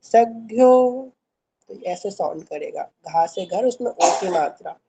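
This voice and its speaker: A woman's voice: fairly low pitch, unhurried, gravelly, warm tone, slightly rough, low-quality recording. A woman teaching an online Sanskrit class, patiently reciting verses syllable by syllable and encouraging her students. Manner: encouraging and reassuring.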